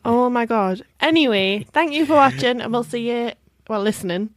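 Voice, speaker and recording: A woman's voice: a little high, moderate pace, crowd noise. A woman with a Geordie accent co-hosting a podcast in casual chat, dropping dry, teasing quips. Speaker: podcast co-host.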